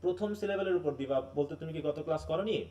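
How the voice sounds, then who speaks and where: A man's voice: fairly high pitch, fast, warm tone, far from the mic. A man from Bangladesh teaching a live online English literature class. He explains step by step, mixes in English terms and keeps asking if students follow. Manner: explanatory, often checks understanding with tag questions.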